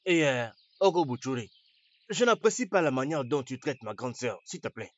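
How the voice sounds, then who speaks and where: A stern protective brother. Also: male voice, medium pitch, sing-song, moderate pace, fairly bright tone, no room sound, lo-fi sound. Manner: firm, admonishing. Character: younger brother, stern and protective of his sister. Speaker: wife's younger brother in a dubbed film. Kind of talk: French film dub acting.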